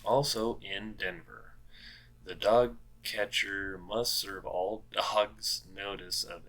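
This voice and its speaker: A man with a very low, bright-edged voice talks at an unhurried pace. He reads out strange laws, then rereads and questions them in a wry, puzzled tone, full of ums and uhs. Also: low-quality recording. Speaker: host. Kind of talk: casual commentary reading out laws.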